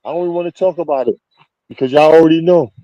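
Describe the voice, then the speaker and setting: A blunt, slangy man from Queens tells his street stories in a New York accent. His voice is dark and mellow, a little higher than most men's. The sound is close and dry. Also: rapid-fire, no echo, lo-fi sound. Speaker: interview guest. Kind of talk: casual street storytelling.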